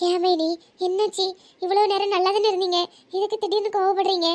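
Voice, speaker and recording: A woman's voice: very high-pitched, flat delivery, a little fast. A woman voicing a chatty, playful young sister-in-law in a Tirunelveli Tamil accent, coaxing and teasing. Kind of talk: cartoon comedy voice acting.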